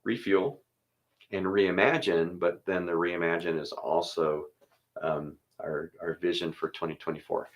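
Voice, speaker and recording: Deep voiced pastor guy, laid back chat, thinks out loud, chuckles now n then. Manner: easygoing, thinks aloud, chuckles between thoughts. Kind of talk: casual chat and spoken prayer.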